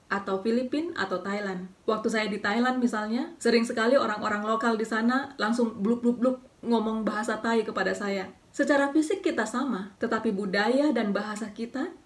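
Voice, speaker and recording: Calm woman vlogger, a bit off-mic. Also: a little high, moderate pace, distant mic. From South Sulawesi, Indonesia. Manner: calm, poses rhetorical questions to the viewer. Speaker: vlogger giving dating advice. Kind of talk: scripted talk to camera.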